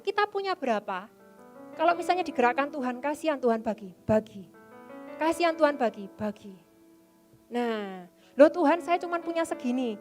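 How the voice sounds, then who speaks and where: A woman preaching with a high, bright voice. She exhorts her youth congregation and keeps asking them questions, with soft music playing faintly behind her. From Indonesia. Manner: exhorting, asks the congregation for answers. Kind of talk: sermon.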